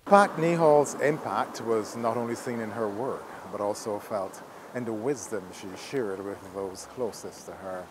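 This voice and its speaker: Measured male documentary narrator. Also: fairly low pitch, background noise. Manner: measured, formal delivery. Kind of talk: scripted narration.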